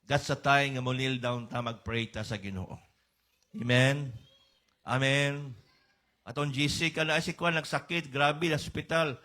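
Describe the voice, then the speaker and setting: A middle-aged man with a Cebuano accent preaching a sermon, mixing English and Cebuano and rising to high, emphatic peaks. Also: fairly even intonation, unhurried, bright, forceful tone. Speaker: pastor.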